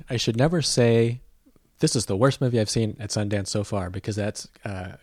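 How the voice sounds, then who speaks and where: A man's voice: on the low side, a little mellow, no room sound, studio quality. A man talking casually as a film critic, thoughtful and hesitant, with many fillers and restarts. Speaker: film critic reporting from a festival. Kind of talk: casual conversational review.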